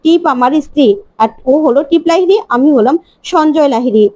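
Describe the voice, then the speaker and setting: A woman's voice: high voice, moderate pace, warm tone, no echo, natural voice. A woman reading a stern, irritated young husband. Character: man insisting he is someone else.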